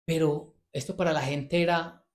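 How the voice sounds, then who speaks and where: A man preaching a sermon on a Bible passage, earnest and emphatic, slowing down to stress key words and repeating pleading prayers. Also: a little high, fairly even intonation.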